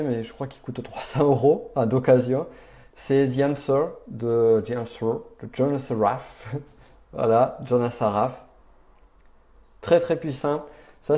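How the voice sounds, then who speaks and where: A man's voice: mid-range voice, dark tone. A man giving an upbeat, chatty live-stream talk on personal development, answering viewers' chat comments with emphatic asides.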